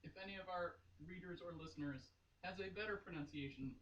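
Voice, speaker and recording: Speaking quickly in a lowish voice, a woman performs a romance novel as a playfully theatrical dramatic reading, tossing in giggly, exclaiming, casual asides. The audio sounds dull, picked up by a distant mic in an echoey room with faint background noise.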